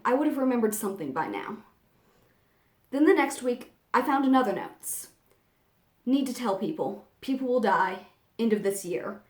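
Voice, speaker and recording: An anxious young woman played by a woman reader confides in a dramatic first-person monologue, conversational yet theatrical. Her voice sits a little high, and the room around it echoes clearly. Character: anxious young woman with memory gaps, confessing urgently.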